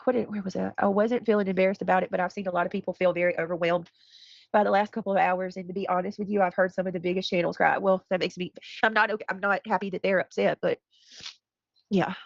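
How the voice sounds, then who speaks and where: A woman's voice: on the low side, fairly even intonation, fast talker, gravelly, dry recording. An overwhelmed, upset woman chatting casually and confessionally on a live stream, with a stuffed-up nose. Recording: slightly dull, dry audio.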